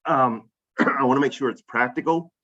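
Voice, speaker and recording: Energetic Australian man on a video call. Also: mid-range voice, moderate pace, lo-fi sound. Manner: energetic, emphatic, many fillers. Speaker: investor guest speaker. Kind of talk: casual video call talk to students.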